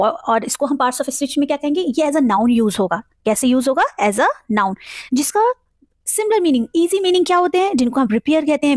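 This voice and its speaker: A woman with an Indian accent teaching English vocabulary. She reads English example sentences very slowly, then explains them at length, asking questions and answering them herself. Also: high-pitched, darkish tone, no room sound, studio quality. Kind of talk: vocabulary lesson in Hindi mixed with English.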